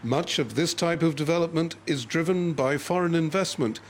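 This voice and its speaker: A male correspondent narrates a scripted report with clear, even delivery. His pitch sits a little high for a man. The read is a polished voice-over. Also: normal speed, a little hiss or hum.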